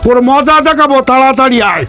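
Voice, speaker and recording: A man's voice: very high-pitched, steady tone, quick pace, sharp tone, faint music behind. An actor playing a hard-of-hearing, touchy male cowherd, who mishears everything and takes offence. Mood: indignant.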